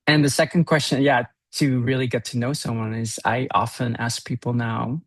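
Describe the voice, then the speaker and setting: A middle-aged man from the Netherlands, a guest on a podcast, speaking in a thoughtful, unhurried way. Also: medium pitch, little pitch movement, no room sound. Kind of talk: casual podcast chat.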